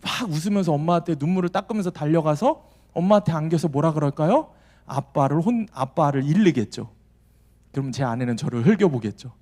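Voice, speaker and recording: A male pastor in his thirties preaches in a lively, storytelling way, his pitch rising and falling a lot. His voice sits a little high for a man yet sounds mellow and warm. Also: fairly quick. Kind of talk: sermon to a young adults' service.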